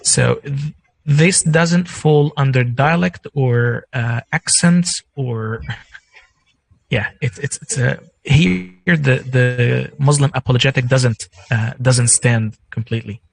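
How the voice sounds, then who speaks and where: A man's voice: mid-range voice, takes it slowly, gravelly, rough recording. A man whose first language is Arabic, a guest explaining points with careful examples in a discussion. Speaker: guest speaker.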